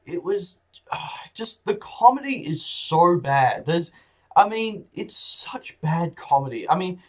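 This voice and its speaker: A man's voice: sits high, big pitch swings, slow. Blunt, rambling man reviewing movies. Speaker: film reviewer. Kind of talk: casual video review.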